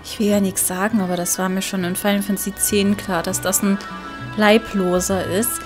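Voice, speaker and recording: A woman's voice: mid-range voice, level tone, moderate pace. A woman giving casual game commentary as a let's player, chatty and thinking aloud. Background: game music.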